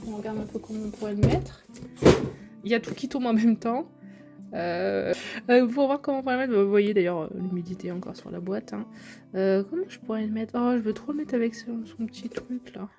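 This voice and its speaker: A woman's voice: medium pitch, brisk, vocal fry, over music. A young woman, chatting to viewers as she unboxes figures, gushing over how cute they are. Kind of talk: casual unboxing vlog.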